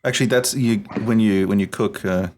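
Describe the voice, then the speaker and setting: A man's voice: lowish voice, a little fast, darkish tone, slight background noise. A man chatting casually on a game stream, wry and teasing.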